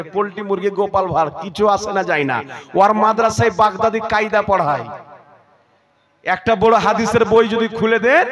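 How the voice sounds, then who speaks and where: A man preaching a sing-song sermon, calling on the crowd to answer aloud. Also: high voice.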